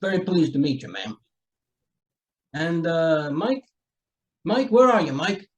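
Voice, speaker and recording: A folksy radio-play detective, acted by a man with a high-pitched voice. He rambles courteously, pausing and hedging like someone nosing around politely. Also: very animated. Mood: affable, probing. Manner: halting, chatty, courteous. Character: folksy, rambling, politely nosy homicide police sergeant. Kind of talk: amateur radio mystery acting.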